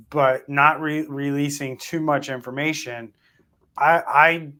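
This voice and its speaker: Male podcast host, mid-pitched, conversational, animated, restarts a lot. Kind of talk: casual cybersecurity discussion.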